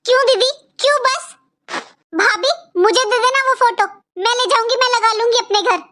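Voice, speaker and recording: An outspoken young sister from a family cartoon, as a woman voices her, with a very high, sharp delivery. She is indignant and says exactly what she thinks. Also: moderate pace, a little hiss or hum. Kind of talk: cartoon voice acting.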